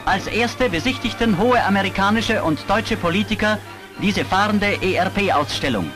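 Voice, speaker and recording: A man's voice: high voice, moderate pace, music in the background. A man announcing in an old newsreel, with a formal, ceremonious narration style. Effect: old newsreel soundtrack.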